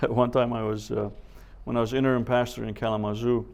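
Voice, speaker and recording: A professor runs a Bible seminar, speaking with measured deliberation, pausing, quoting scripture and posing rhetorical questions. His slightly mellow voice is medium-pitched with little pitch movement.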